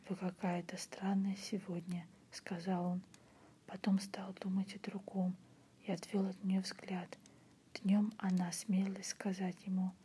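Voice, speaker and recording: A woman reads a literary story in a breathy, unvoiced ASMR whisper, softly and in a measured way. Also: mid-range voice. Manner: soft, measured literary reading. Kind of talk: whispered ASMR audiobook narration. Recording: faint background noise.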